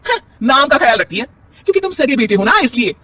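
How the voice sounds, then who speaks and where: A man voicing a spoiled, bossy young married woman with a shrill, whining voice. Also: animated, fast talker, pushed and bright, breathy edge, distant mic, heavily acted.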